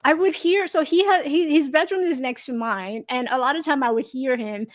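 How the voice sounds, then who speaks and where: High-voiced woman from Taiwan, lively guest. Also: moderate pace. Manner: animated, laughs often, simple non-native grammar. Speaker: podcast guest, storyteller. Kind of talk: casual interview chat.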